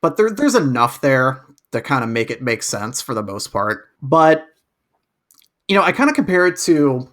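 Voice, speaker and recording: A man's voice: mid-range voice, very animated, normal speed, a bit bright. A man co-hosting a podcast, chatting casually and thoughtfully over a remote call, often repeating words as he hesitates. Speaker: podcast co-host.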